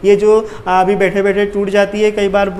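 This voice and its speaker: A man's voice: high-pitched, monotone, normal speed, darkish tone, a little hiss or hum. A male teacher giving an exam-prep grammar lesson at a board, asking questions and answering them himself.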